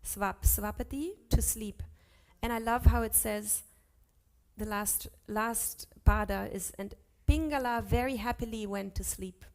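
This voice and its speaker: A woman with a fairly high voice leads a class on ancient scripture in an ashram. She explains each line, chants verses slowly, and corrects her own slips aloud. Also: steady tone, darkish tone. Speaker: teacher of Sanskrit texts.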